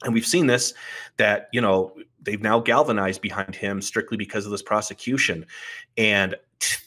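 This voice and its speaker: Male podcast guest, sharp and bright timbre, numbers off his points with sardonic bite. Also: on the low side, fairly even intonation, normal speed. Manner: argumentative, lays out points one by one, sardonic. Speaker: podcast guest, political commentator. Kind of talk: casual podcast conversation.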